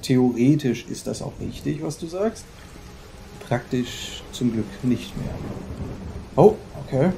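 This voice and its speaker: A man's voice: mid-range voice, creaky, noisy background. A man narrating a horror game as let's play host, chatty and dropping English exclamations into his German.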